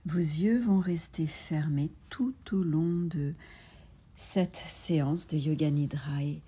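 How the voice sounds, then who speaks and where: A woman with a low, husky voice guides a yoga nidra meditation, speaking gently and soothingly with long pauses.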